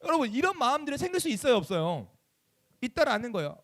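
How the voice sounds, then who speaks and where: A high-voiced man gives a quick, animated youth sermon in a church chapel. His pitch swings widely as he fires question after question at his listeners and answers them himself. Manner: animated, asks the audience many questions and acts out quoted voices. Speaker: youth pastor.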